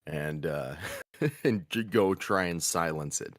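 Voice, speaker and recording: A man's voice: low voice, takes it slowly, dry recording, studio quality. A man from Oklahoma, a voice actor, chatting casually from a padded home booth with a rambling, laugh-prone manner. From Oklahoma, USA. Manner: rambling, laughs often, many restarts. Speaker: voice actor and show host. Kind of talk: casual chat.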